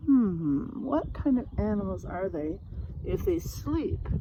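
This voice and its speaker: Reading a picture book aloud to children, a woman sounds teacherly and expressive, pausing to ask them questions and punching up story words for drama. Her voice sits in the mid range, she goes slowly, and the background is noisy.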